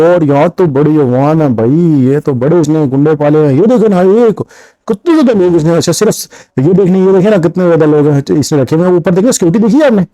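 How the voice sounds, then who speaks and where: A man doing let's-play game commentary, excitedly narrating the action play by play and repeating himself often. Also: on the high side, no room sound, poor audio. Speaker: gameplay commentator.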